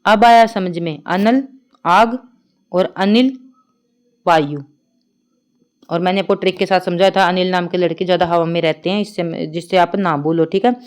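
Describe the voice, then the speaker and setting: A young adult woman teaching an online exam-prep grammar class, chatty, listing words in quick runs and checking in with her students often. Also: fairly low pitch, fairly even intonation, smooth. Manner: chatty, repeats "ठीक है" often. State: tired.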